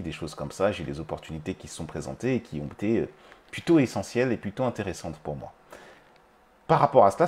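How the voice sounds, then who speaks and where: A man's voice: sits low, a little mellow. A man with a French accent hosting a language-learning video, talking casually to the viewer with many fillers and restarts. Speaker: English-teaching video host. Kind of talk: casual spoken monologue to camera.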